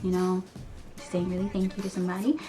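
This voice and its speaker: A woman teaching everyday phrases in a casual vlog, animated and acting out little scenes with frequent laughs. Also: on the low side, fast, soft background music. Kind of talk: casual language lesson vlog. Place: living in Korea.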